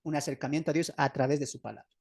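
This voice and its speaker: A man's voice: a little high, very fast, vocal fry, darkish tone, breathy edge, no room sound, clean studio sound. A man with a Bolivian Spanish accent teaches an online Bible study lesson over a video call. He asks his listeners questions, answers them himself, and repeats key phrases for emphasis.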